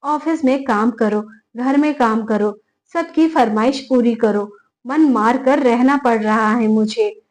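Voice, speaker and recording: Woman voicing a shrill, bullying daughter-in-law. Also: takes it slowly. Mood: complaining. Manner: shouting, scolding, threatening.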